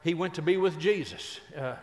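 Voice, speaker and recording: A man's voice: on the high side, normal speed, a little mellow, long reverb tail. A man, telling folksy stories and teasing a live audience from a stage. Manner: folksy, chatty, teasing the crowd. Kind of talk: stand-up storytelling to a live audience.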